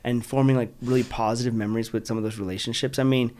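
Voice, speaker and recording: A man's voice: medium pitch, steady tone, quick pace, a little mellow. A man from Utah hosting a podcast, talking in an enthusiastic, rambling way with lots of restarts and fillers. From Utah, United States. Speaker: podcast host. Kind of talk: casual interview chat.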